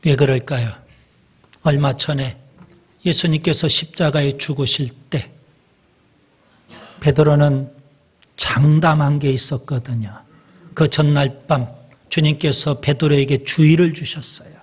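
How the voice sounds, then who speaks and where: Husky-voiced pastor preaching slowly. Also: male voice, a little high, fairly even intonation. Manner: slow, deliberate preaching with emphatic pauses, addressing the congregation. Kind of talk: sermon.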